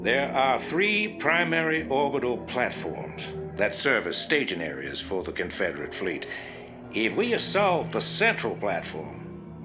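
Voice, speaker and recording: An actor playing a gruff, boastful military general in a video game, with an emphatic way of talking. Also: male voice, medium pitch, close to an everyday voice. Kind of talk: video game cutscene acting. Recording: loud music behind the voice.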